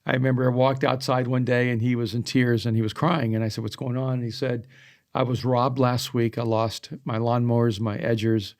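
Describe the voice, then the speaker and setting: A man's voice: mid-range voice, flat delivery, a little fast, a little mellow. A middle-aged man from El Salvador, earnestly telling stories in a casual podcast conversation. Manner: earnest storytelling. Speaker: podcast co-host.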